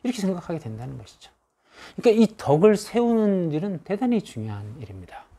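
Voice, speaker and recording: A man's voice: high-pitched, very animated, fast talker, mellow. A man preaching a sermon as pastor, stressing his points by repeating phrases in rising lists.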